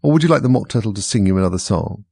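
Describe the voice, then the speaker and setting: A man's voice: on the low side, expressive, creaky, warm tone, husky, no room sound, full character voice. A man voicing an impatient, commanding Gryphon, a male storybook beast who hurries others along. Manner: brisk and commanding.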